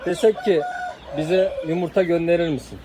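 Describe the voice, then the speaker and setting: Man, slightly high voice, casual talk to viewers, questions, outdoors with chickens, clear background noise. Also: steady tone, normal speed. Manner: asks many questions, addresses viewers directly. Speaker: channel host interviewing a poultry keeper. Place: outdoor garden with poultry. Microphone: handheld phone camera.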